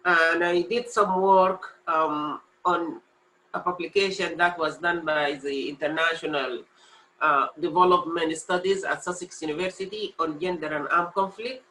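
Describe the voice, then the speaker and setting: A woman's voice: fairly low pitch, steady tone, moderate pace, sharp tone, slight background noise, poor audio. A woman scholar from Sudan explaining her research on women's experiences of war, in a careful, explanatory way.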